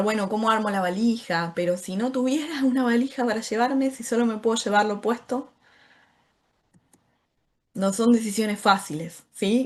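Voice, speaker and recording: Argentine woman teaching an online class. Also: medium pitch. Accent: Argentine Spanish. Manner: explanatory, often asks "¿sí?" to check in. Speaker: course teacher.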